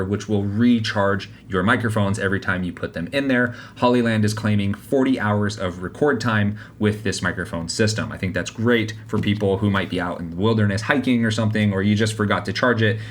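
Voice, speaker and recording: A man giving a casual, explanatory product review to camera, speaking informally into a small clip-on wireless microphone. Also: fairly low pitch. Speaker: tech reviewer. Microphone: small wireless clip-on mic on chest. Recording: clip-on wireless mic, clear background noise.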